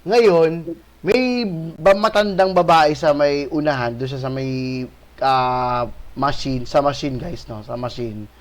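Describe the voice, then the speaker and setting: A male host telling a spooky encounter in a casual, animated way, swearing and adding tag questions. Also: mid-range voice, takes it slowly. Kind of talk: casual storytelling of a ghost encounter.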